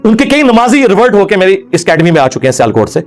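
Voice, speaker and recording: A man's voice: high-pitched, big pitch swings, soft background music. A man giving a religious lecture, mocking his opponents and laughing as he argues. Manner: mocking, laughs while arguing. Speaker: Islamic scholar.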